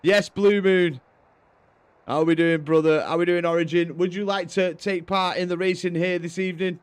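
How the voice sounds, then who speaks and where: Clear-voiced British man commentating, fairly high-pitched. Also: moderate pace. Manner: excited, emphatic calling of race action, laddish. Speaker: esports race commentator and stream host. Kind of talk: live racing game commentary and casual stream chat. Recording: music behind the voice. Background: music.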